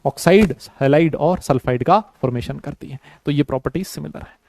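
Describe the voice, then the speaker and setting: A man teaching a chemistry class online. He talks slowly and easily, mixes Hindi with English terms and keeps quizzing his students. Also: a little high, vocal fry, darkish tone, no room sound. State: has a headache.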